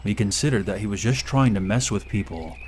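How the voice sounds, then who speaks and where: Steady, low-voiced male horror narrator. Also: slight background noise. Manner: steady, measured first-person telling. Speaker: storyteller. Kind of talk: scripted horror story narration.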